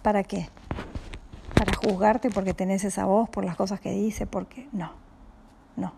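Soft-spoken Rioplatense woman with gravelly warmth. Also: mid-range voice, a little hiss or hum. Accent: Rioplatense Spanish. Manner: calm, slow, often drops to a soft whisper. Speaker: spiritual teacher. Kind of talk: reflective spiritual talk.

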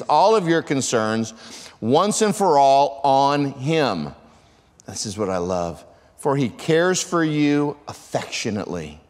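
Emphatic pastor in an echoing hall. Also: male voice, mid-range voice. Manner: emphatic, rising to shouts for emphasis. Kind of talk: sermon. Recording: long reverb of a large hall.

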